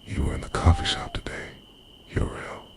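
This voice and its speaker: A man performs a scripted romantic ASMR roleplay, his voice hushed, breathy, and confessional, often dropping to a whisper. He speaks at a normal speed.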